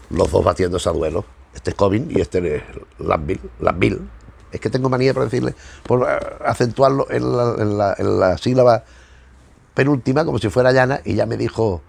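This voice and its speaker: A man's voice: lowish voice, gravelly, a little mellow. A man reviewing comic books in a casual, hesitant way, often repeating words as he searches for the next thought. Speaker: comic book reviewer, channel host. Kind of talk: casual spoken review while leafing through comics.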